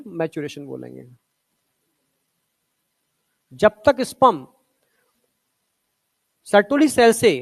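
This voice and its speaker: Male teacher. Coaxing classroom lecture where he quizzes the students. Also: sits high. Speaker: biology teacher.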